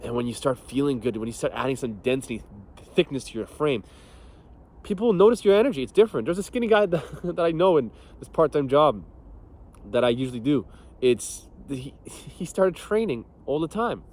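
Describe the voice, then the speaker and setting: A man's voice: mid-range voice, animated, a little fast, a little mellow. A young man, a fitness coach, talking casually and bluntly about training, swearing often and laughing as he tells stories. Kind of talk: casual motivational talk.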